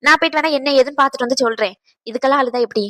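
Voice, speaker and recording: A woman voicing a motherly older aunt in a cartoon, who comforts and gently scolds. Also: sits high, racing, no echo. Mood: soothing. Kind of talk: cartoon dubbing.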